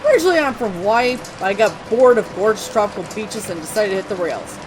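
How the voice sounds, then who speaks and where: A let's-play narrator voicing a cheerful, chatty male hobo in a video game, over a clear patter of rain. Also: mid-range voice, lively intonation, fast talker, close to an everyday voice. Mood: folksy. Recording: rain noise behind.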